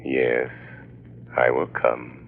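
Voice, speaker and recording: An actor playing a menacing, mocking crime-fighter with slow, theatrical delivery in an old radio drama. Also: male voice, a bass voice, monotone, creaky, heavily acted. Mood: mocking defiance. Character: menacing, mocking invisible male crime-fighter, darkly gallant. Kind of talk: 1930s-40s radio drama acting. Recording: muffled noisy old radio recording.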